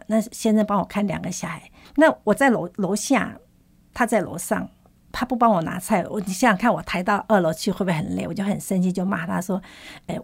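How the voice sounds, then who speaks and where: A woman's voice: mid-range voice, husky, no echo. A woman guest, animatedly telling personal stories in an interview and acting out the dialogue she quotes. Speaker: food storage expert guest. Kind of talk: storytelling in an interview.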